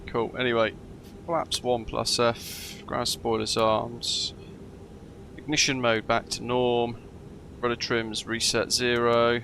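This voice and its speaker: A man's voice: mid-range voice, little pitch movement, slow, gravelly, fairly bright tone, slight background noise. A man giving casual live flight simulator commentary, muttering checklist callouts to himself as he goes.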